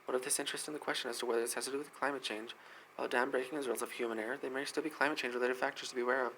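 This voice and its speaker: A man hosting a weather news segment, reading articles aloud quickly with frequent slips and restarts. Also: mid-range voice, steady tone, fairly bright tone, slight background noise, poor audio.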